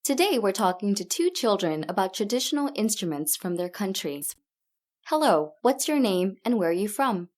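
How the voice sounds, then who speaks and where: A woman interviewing children in a scripted textbook audio recording, asking her questions in a bright, inquisitive way. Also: medium pitch, very animated, moderate pace.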